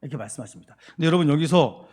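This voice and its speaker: A male pastor giving a Bible lecture sermon, engaging his congregation with frequent rhetorical questions and swinging between loud emphasis and quiet asides. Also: fairly high pitch, expressive, racing, husky. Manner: dramatic rise and fall in loudness for emphasis. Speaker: senior pastor.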